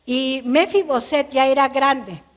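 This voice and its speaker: A woman's voice: high-pitched, slow pace, long reverb tail. A woman preacher retelling a scripture story in a sermon, often asking her listeners questions. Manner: storytelling, asks the audience questions. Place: church.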